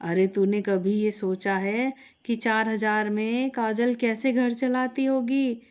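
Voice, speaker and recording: A woman voicing a stern older mother-in-law who scolds, lower and heavier than her narration. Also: level tone, takes it slowly, clean tone.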